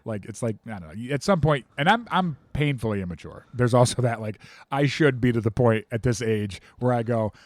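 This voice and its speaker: A middle-aged American man chats casually as a guest, candid and self-deprecating, with a medium-pitched voice. He stumbles over repeated words and lets sentences trail off. The sound is dry and close to the mic. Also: expressive, fairly quick, dry recording. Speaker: guest musician. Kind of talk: casual conversation.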